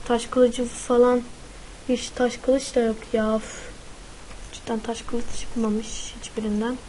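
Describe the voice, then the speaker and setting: A woman's voice: a little high, mellow, a little hiss or hum, low-quality recording. A woman commenting live on her own gameplay, easily frightened and swearing freely as she plays. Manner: frightened, swears a lot, shrieks in panic. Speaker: gaming YouTuber.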